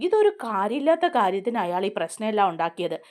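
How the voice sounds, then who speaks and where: A woman's voice: medium pitch, sing-song, fast, a little mellow, close to an everyday voice. A woman voicing an injured but easygoing young man who keeps reassuring his family.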